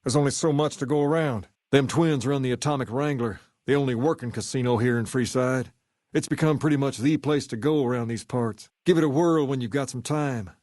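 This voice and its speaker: A man's voice: medium pitch, darkish tone, no echo, studio quality, close to an everyday voice. Man voicing The King, folksy, self-assured gang boss. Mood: relaxed, folksy. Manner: folksy, colloquial, measured delivery. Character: easygoing, self-assured gang leader styled as a rock-and-roll king. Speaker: video game voice actor. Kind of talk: scripted game character dialogue.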